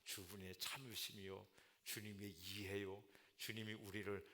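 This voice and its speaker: Brief: male pastor, earnest sermon delivery, bright forceful voice, church sanctuary. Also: on the low side, level tone, moderate pace. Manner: earnest, punctuates with frequent affirmations.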